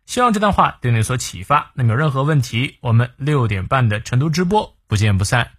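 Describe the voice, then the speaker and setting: A man's voice: medium pitch, big pitch swings, quick pace, breathy edge, no echo, studio quality. A man with a Mandarin Chinese accent hosting a daily English lesson, explaining a sentence word by word and mixing English and Chinese. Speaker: English teacher, host.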